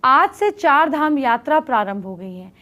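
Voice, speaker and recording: Woman astrology host, high-ish voice, quick instructive tone, faint music behind. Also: very animated, pushed and bright. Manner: brisk, instructive, addresses viewers directly. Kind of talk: daily horoscope and remedies.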